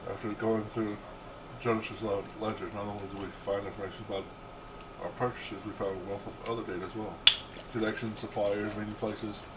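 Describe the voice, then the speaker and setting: An older man voicing a playful, irreverent young noblewoman from a video game, lively and emphatic, over background noise. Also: on the low side, fairly quick, lightly acted. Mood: matter-of-fact. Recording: steady background hum and noise.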